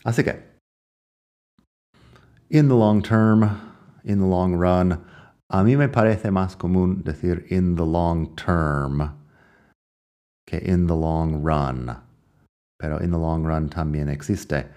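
An American man teaches English phrases in a language lesson, explaining patiently and reading each example twice in an American accent. His voice is low-pitched and dark in tone, with a slow pace and long pauses.

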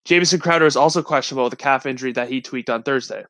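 A man co-hosting a fantasy football show, reading injury news in a steady, matter-of-fact way. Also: mid-range voice, very fast. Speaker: fantasy football podcast co-host. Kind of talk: casual sports news rundown.

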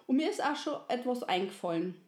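A woman's voice: on the high side, expressive, unhurried, darkish tone. A woman voicing a kindly, wise creator woman, soothing and folksy. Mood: gentle. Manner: soothing, folksy, fond of dialect fillers. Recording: roomy echo.

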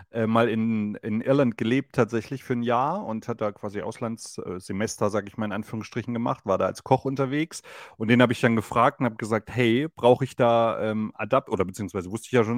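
A man's voice: mid-range voice, dry recording, clean studio sound. A man in his thirties co-hosting a podcast in casual chat, talking freely with many fillers and laughs. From Germany. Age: 30s. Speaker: podcast co-host.

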